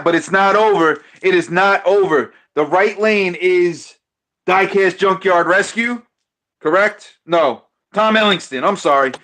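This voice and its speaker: A man with a notably high voice calls a race live, excited and repeating his calls, tripping over names now and then. His voice is starting to wear out. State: losing his voice. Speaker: race commentator. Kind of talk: live play-by-play commentary on a diecast car race.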